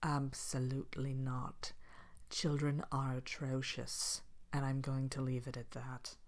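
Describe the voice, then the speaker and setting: As host of a character Q&A show, a woman answers questions in ASMR role-play as a vain, haughty evil fairy-tale queen, soft-spoken and partly whispered. Her bass voice shows little pitch movement, and she sounds disgusted, pompous and languid, stretching words with theatrical contempt.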